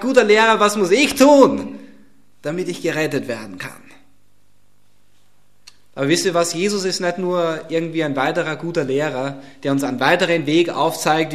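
A man preaching a sermon in a fairly high voice. He drives each point home with repeated phrases, then drops to a hush before rising to loud emphatic lines again. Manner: swings from emphatic loud lines to hushed near-whispers.

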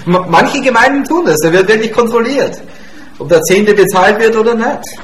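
A man's voice: sits high, expressive, normal speed. A man preaching a sermon in a church hall as the congregation's pastor, speaking emphatically and repeating his key points. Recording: echoey church room.

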